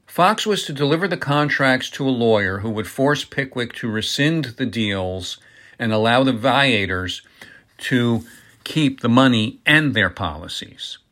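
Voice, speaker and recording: A man narrating an audiobook in a steady, even-paced reading. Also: medium pitch, a little slow.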